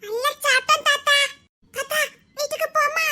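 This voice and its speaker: A performer voicing polite little grandchildren through a high pitch effect, with a Tirunelveli accent, calling their grandpa again and again. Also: fairly even intonation, moderate pace, sharp tone, full character voice. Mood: sweet. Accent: Tirunelveli Tamil. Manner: polite, sing-song, calling grandpa often.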